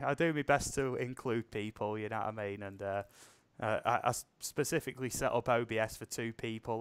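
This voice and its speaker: A man's voice: lowish voice, a bit bright, smooth. A British man hosting a live stream, chatting casually and laughing often. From United Kingdom. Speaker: stream host. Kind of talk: casual chat.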